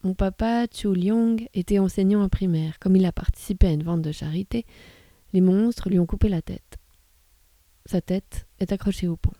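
A woman voicing a ten-year-old boy in a storybook, speaking slowly. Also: medium pitch, dark tone, dry recording, natural voice. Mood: grave.

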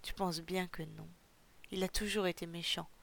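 Woman reading a proud hotheaded girl, blunt and scornful, low gravelly voice. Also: steady tone, normal speed, fairly bright tone, a little hiss or hum. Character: fierce proud young woman, blunt and quick-tempered.

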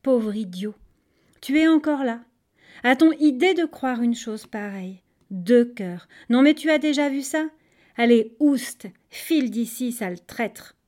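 A woman voicing a clever, quick-thinking male monkey in a storybook reading. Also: fairly high pitch, lively intonation, darkish tone. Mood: mocking. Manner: breezy, casual, mocking.

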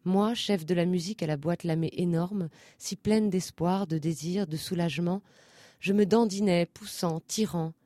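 A woman narrating a literary story, reading short phrases in a measured, rhythmic way. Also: fairly low pitch, mellow, dry recording, clean studio sound. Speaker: audiobook narrator.

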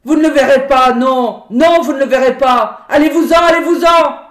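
A woman voicing a harsh, sly peasant mother who whines in falsetto and breaks into furious shouting, in a dramatic audiobook reading. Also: lively intonation, a little slow. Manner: whining falsetto turning to shouting. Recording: roomy echo.

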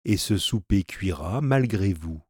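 A scheming first mate, a grown man who answers back with cold defiance, as a male audiobook reader puts him on. Low voice, dry close sound. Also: lively intonation, a little slow, darkish tone, husky, no echo, heavily acted. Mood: defiant.

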